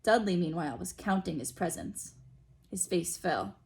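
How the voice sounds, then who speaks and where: A woman's voice: lowish voice, lively intonation, moderate pace, creaky, a little mellow. A woman reading a children's story aloud expressively, like a school principal, with explanatory asides.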